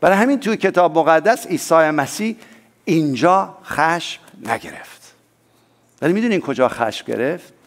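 A man preaching a sermon as pastor, swinging between loud emphatic lines and soft low asides, and calling on the congregation to respond. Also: lively intonation.

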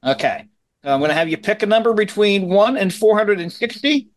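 High male co-host, jokey quiz reader. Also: lively intonation, a little fast. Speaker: podcast co-host. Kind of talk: casual chat.

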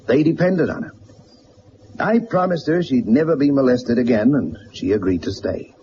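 In an old radio drama, a male actor voices a wealthy, proud, blunt middle-aged businessman used to power. His near-everyday voice has an animated pitch, and he speaks in a grave, troubled mood, halting, emphatic and confessional. The recording sounds dull and noisy.

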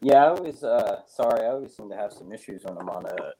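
A man guesting on a podcast from a remote call, talking through earbud headphones with a crackling, distorted mic signal and a halting way of speaking. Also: on the low side, lively intonation. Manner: halting, full of fillers like "uh" and "you know". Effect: crackling, distorted mic audio. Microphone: iPhone earbud headset mic over a streaming call.

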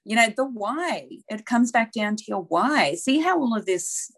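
A woman's voice: fairly high pitch, lively intonation, unhurried, fairly bright tone. A woman brand strategist in casual conversation, earnestly explaining her ideas and firing off rhetorical questions, with plenty of "you know". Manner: earnest, asks rhetorical questions, many fillers. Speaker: brand strategist and mentor, podcast guest.

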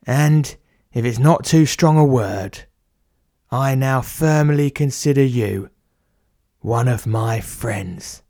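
Slow and medium-pitched with a darkish tone, a man plays a matey, blunt working-class plumber in a comic audio story, grinning through his slang. The sound has no echo, bone-dry and close to the mic, like a small studio booth.

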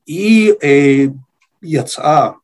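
An older man with an Israeli accent and a slightly husky voice, giving an unscripted historical account as a guest, in halting, deliberate phrases. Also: fairly high pitch, animated. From Israel, grew up on a kibbutz.

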